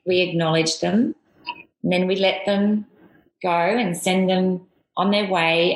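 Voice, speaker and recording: A woman's voice: on the low side, vocal fry. A middle-aged woman with an Australian accent, a guest talking casually in a rambling way with many restarts. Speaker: guest, air force veteran. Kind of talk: casual interview chat. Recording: echoey room.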